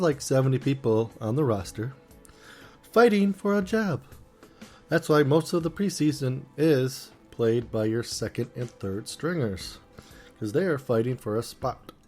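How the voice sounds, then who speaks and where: A man hosting a casual solo podcast, talking through his food in a playful, rambling way. His voice sits at an ordinary middle pitch, with a little music playing softly behind him. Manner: playful, chatty, talking while eating. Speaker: podcast host.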